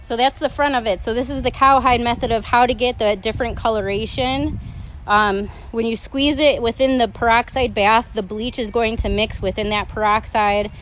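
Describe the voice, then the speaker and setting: A woman's voice: a little high, fairly even intonation, moderate pace, slight background noise, poor audio. A young woman hosting a casual live craft demonstration outdoors, chatting in a rambling way full of fillers, into a phone. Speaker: crafting tutorial host.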